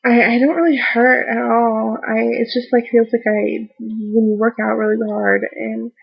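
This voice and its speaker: Casting: woman vlogger, worn out post-surgery, flat and croaky, halting casual update, slightly dull home-recorded sound. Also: on the high side. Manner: halting, trailing off mid-thought. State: tired and sore after recent surgery. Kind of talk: casual rambling video diary.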